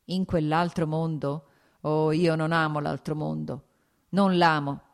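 A woman voicing a drunken, bitter older man who gets excited and jumps from topic to topic, in an audiobook. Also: deep voice, a little slow, gravelly. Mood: fearful. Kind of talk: audiobook character voice.

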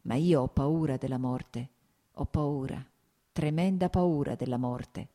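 A woman voicing a drunken, bitter older man who gets excited and jumps from topic to topic, in an audiobook. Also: a bass voice, a little slow. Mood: fearful. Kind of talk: audiobook character voice.

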